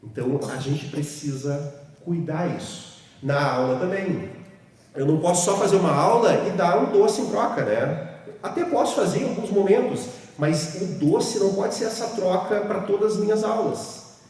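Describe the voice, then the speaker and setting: A man with a southern Brazilian accent leads a training session for teachers. His voice sits a little higher than usual and bounces around a large echoing hall. He sounds far from the mic and keeps checking in with tag questions as he explains. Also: normal speed, a little mellow. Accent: southern Brazilian (Rio Grande do Sul). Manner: explanatory, constant tag questions, acts out scenes. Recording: echoey hall, voice from afar.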